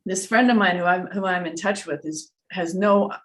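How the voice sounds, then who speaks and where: A woman's voice: on the low side, moderate pace. A middle-aged woman who works as a trance medium, answering questions in an earnest, reflective, unscripted way and repeating words for emphasis. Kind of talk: unscripted spiritual Q&A talk.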